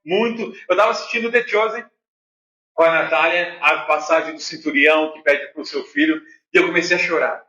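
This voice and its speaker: Bright-voiced Brazilian pastor in an echoey church. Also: male voice, fairly high pitch, normal speed. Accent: Brazilian Portuguese. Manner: animated and conversational, jokes with the congregation. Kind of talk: sermon with personal stories. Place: church hall. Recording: echoey church, dull lo-fi sound.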